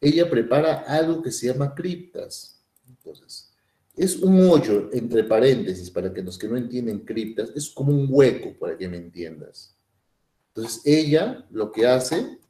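A male biology teacher, lecturing in a playful, chatty style full of tag questions. His pitch swings widely and his tone is dark and mellow. The room around him is echoey. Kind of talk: animated classroom lecture.

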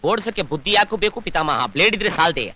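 A man's voice: high-pitched, animated, rapid-fire, bright, forceful tone, soft background music. An actor playing a cocky, spoilt young village headman who banters and cracks cheeky jokes. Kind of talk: Kannada film dialogue.

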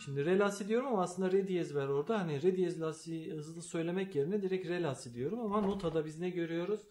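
Male piano teacher, slightly higher voice, patient note-by-note explanations, piano loud underneath. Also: fast talker. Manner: calls out note names while playing, explains patiently. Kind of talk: step-by-step piano lesson. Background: piano playing.

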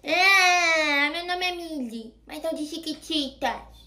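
A woman's voice: high-pitched, takes it slowly, sharp tone, heavily acted. A woman voicing a spoiled, rude little girl who whines, taunts and sulks in a comedy sketch. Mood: whiny tantrum. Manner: whiny, taunting, sulky. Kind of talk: comedy sketch role-play.

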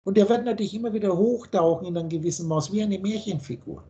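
A man's voice: sits high, fast, warm tone, dull audio. Blunt preachy man on a video call. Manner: blunt, preachy, full of rhetorical questions. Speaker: spiritual teacher.

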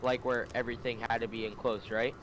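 A man giving orders to teammates in a casual gaming session, fussy and quick to panic. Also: mid-range voice, little pitch movement, a bit bright, a little hiss or hum. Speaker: teammate in game.

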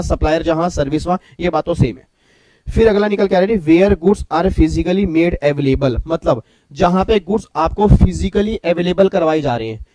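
A man teaching a fast-paced exam revision lecture, rattling off rules in quick repetitive drills and calling out to students directly. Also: fairly high pitch, mellow, dry recording, rough recording. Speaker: tax law lecturer.

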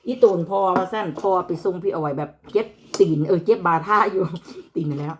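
A woman speaks a little fast in a mid-range voice. She's a vlogger mother in her home kitchen with an Isan (Northeastern Thai) accent, making casual conversation while she cooks and mixing Isan and Thai with her child.

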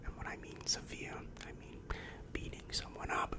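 In a small, dim room, a young ASMR performer plays a demon counselor, his breathy whisper pressed up against a large microphone. He poses questions softly, slowly, and with measured care.

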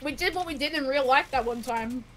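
A woman chatting casually with friends on a game stream, playful with quick short interjections. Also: sits high, a bit bright, slight background noise. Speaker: stream co-player. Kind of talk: casual gaming chat with friends. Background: game music.

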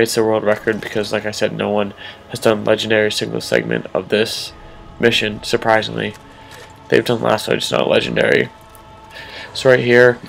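Gamer commentator: young man, nasal and a bit gravelly, casual and explanatory. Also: on the low side. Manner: relaxed, explanatory, frequent ums. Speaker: speedrunner.

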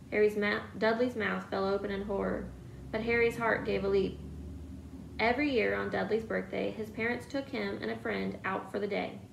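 A woman's voice: mid-range voice, gravelly, echoey room, slight background noise, low-quality recording. A woman reading a novel aloud, telling the story steadily. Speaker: reader.

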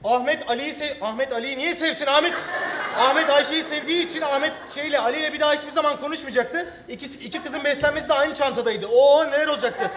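A man's voice: very high-pitched, fast talker. A man performing a stage comedy sketch, rambling through exaggerated excuses. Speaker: comedy sketch actor playing a boyfriend. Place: television studio stage with live audience. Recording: echoey stage with audience noise.

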